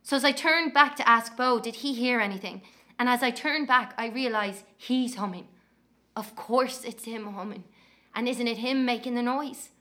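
A woman's voice: on the high side, normal speed, sharp tone. An actress playing an angry young Irish woman, telling of walking home at night in a dramatic monologue.

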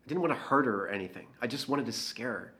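A man's voice: medium pitch, animated, fast, bright, forceful tone. An actor playing a resentful, slightly drunk man, confessing in a dramatic monologue. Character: resentful, tipsy man who frightens a woman.

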